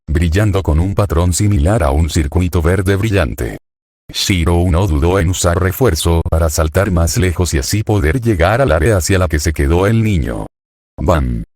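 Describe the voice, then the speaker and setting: A man narrating a fanfiction story in a steady storytelling read. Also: sits low, dry recording, studio quality. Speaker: fanfiction reader. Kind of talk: scripted narration.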